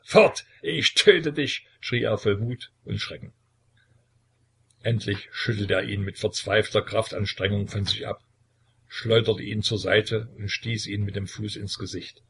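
Male narrator, low and husky, measured dramatic read. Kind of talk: scripted audiobook narration.

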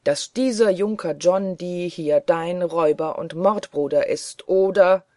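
A reader voicing a furious male bishop in an audiobook, shouting his threats. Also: mid-range voice, measured pace, no echo, clean studio sound, close to an everyday voice. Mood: bellowing. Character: raging, fanatical male bishop. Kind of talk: audiobook character voice.

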